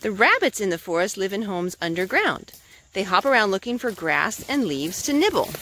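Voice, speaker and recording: A mother's medium-pitched, slightly bright voice swings widely in pitch at a normal pace while she reads a picture book outdoors to her young child. She chats in a sing-song way aimed at the child. It's a noisy handheld recording made in a forest by the speaker herself.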